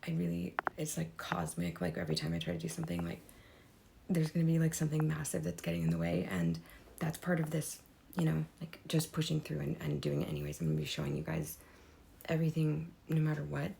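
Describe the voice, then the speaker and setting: A woman artist talking unscripted in a personal vlog, rambling with fillers and restarts, her voice hoarse, from a room at home. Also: deep voice, fast talker, warm tone, a little hiss or hum. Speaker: artist vlogger. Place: home room with desks and easel.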